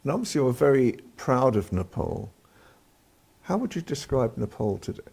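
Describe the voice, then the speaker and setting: A male TV interviewer with a gravelly, mellow voice. He asks questions in a live broadcast interview and tends to stumble over repeated words as he begins each question. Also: medium pitch, big pitch swings, moderate pace.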